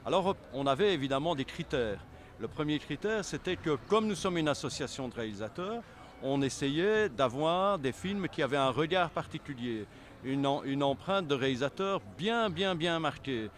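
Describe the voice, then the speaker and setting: A man's voice: a little high, lively intonation, normal speed. A man giving conversational, explanatory interview answers, rephrasing as he goes. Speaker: film selection association member being interviewed. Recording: faint background city noise.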